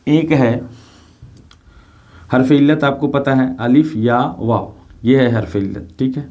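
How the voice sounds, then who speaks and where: Patient man teaching grammar, dark voice. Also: medium pitch, slow. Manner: patient, repeats points, often asks rhetorical check questions. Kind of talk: classroom lecture explaining grammar.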